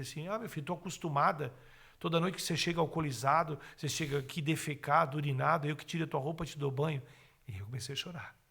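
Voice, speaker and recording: A middle-aged podcast guest tells his personal testimony, performing the words of everyone involved in an animated way. His pitch is fairly high, and his voice is gravelly and husky.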